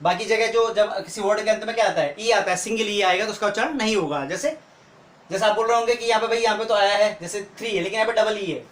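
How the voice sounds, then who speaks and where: A man's voice: high-pitched, fast talker. A man teaching a video lesson, explaining step by step and often asking rhetorical questions. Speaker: English teacher. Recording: echoey room with faint noise.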